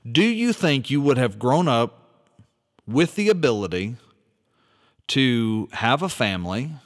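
A man speaks in an unhurried, deliberate monologue, his pitch rising and falling expressively as he poses rhetorical questions. His earnest, reflective delivery carries a long reverberant tail, as if recorded in a hall. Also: very animated. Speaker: speaker commenting on an article.

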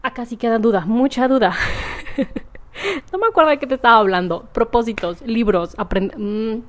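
Chatty young woman, higher voice. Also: expressive, moderate pace. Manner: chatty, rambling, laughs often. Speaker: vlogger. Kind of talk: casual chat to camera.

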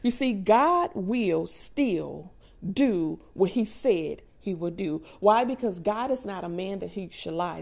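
A woman's voice: lowish voice, creaky, mellow, breathy edge. A woman preaching a sermon in a conversational way, often checking in with her listeners.

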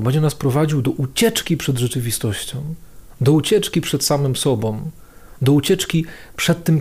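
A man's voice: a little high, darkish tone. Casual, slangy preacher man. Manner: conversational, slangy, repeats phrases for emphasis. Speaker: priest. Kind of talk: casual video sermon.

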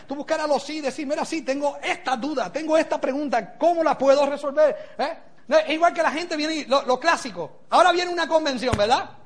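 Animated high-voiced man. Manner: animated, rhetorical, keeps asking "¿eh?", acts out quotes. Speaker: motivational speaker. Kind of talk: motivational talk to a live audience.

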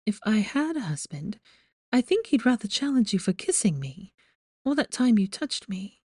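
A woman voicing a stubborn, worried young witch who speaks quietly. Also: medium pitch, sing-song, moderate pace, breathy edge, dry recording, studio quality, pitched above the performer's own voice. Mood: stubborn worry. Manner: quiet, soft-spoken.

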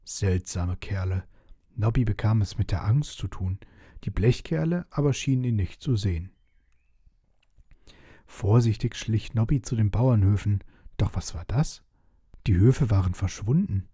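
A man narrating a children's storybook in a lively, expressive reading. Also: on the low side, measured pace, husky, no echo, studio quality.

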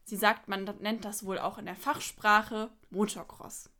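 A woman's voice: medium pitch, fairly even intonation, a little slow, bright, forceful tone. A woman co-hosting a casual podcast chat, narrating the plot steadily with quoted lines and dry comments. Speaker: podcast co-host. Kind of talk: casual chat recapping an episode.

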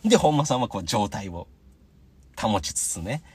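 A man's voice: lowish voice, very animated, normal speed, a little mellow, breathy edge. A young man with a Kansai accent hosting a casual solo podcast, chatting about his day and acting out the voices in his anecdotes. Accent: Kansai Japanese. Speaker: podcast host.

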